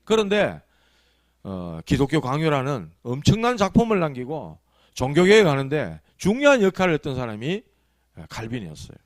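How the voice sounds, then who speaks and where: A man's voice: fairly high pitch, no room sound, studio quality. A male pastor gives a conversational afternoon sermon, often asking his congregation rhetorical questions. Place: small church sanctuary.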